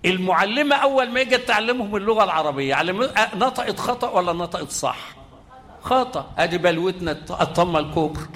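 A middle-aged man with an Egyptian accent teaching a tajweed lesson, quizzing his students and chanting Quran examples slowly. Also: sits high, animated, a bit bright, slight background noise. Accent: Egyptian Arabic.

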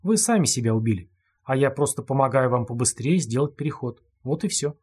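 A man acting out a vengeful young killer in an audiobook. He speaks in a calm, detached way, with a mocking edge. The voice is husky and breathy, at an ordinary pitch. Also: fairly quick. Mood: cold menace. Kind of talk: audiobook character voice.

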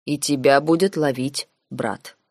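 A woman reading the lines of a cold, calculating noble uncle in an audiobook, measured and sarcastic. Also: a bass voice, darkish tone, dry recording, clean studio sound, exaggerated voice. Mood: cold, lecturing. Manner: measured, lazy, coldly sarcastic.

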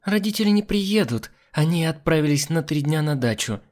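A man's voice: a little high, animated, normal speed, voice pushed up, natural voice. A man doing a snappish scheming young woman. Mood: sharp, coaxing. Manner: sharp, snappish, falsely sweet.

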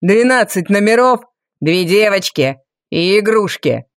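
A woman's voice: medium pitch, unhurried, no echo, clean studio sound, lightly acted. A woman voicing a cruel, mocking male viscount with a sneering, taunting manner in an audiobook. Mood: commanding. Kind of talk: audiobook character voice.

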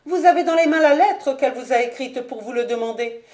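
Woman putting on a haughty lady of the house, high and sharp, kinda echoey room. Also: fairly quick, natural voice. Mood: imperious. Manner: sharp, raised, imperious. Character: haughty domineering noblewoman mother, shrill and triumphant.

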